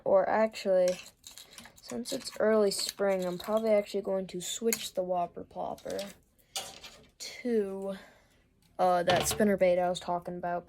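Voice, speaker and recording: A young woman casually showing her fishing gear, rambling with many fillers and trailing pauses. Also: medium pitch, noisy background. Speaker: fishing vlogger.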